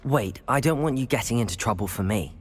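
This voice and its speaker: An actor playing an eager, earnest young student wizard in a video game, conversational. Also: male voice, medium pitch, lively intonation, brisk, close to an everyday voice. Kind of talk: video game dialogue acting. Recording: faint background noise.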